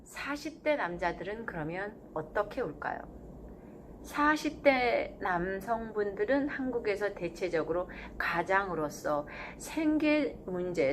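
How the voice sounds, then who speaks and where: A woman hosting her channel, talking in a calm, measured, reflective way with thoughtful pauses and gentle self-corrections. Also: mid-range voice, a little hiss or hum. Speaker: channel host. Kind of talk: reflective spoken essay.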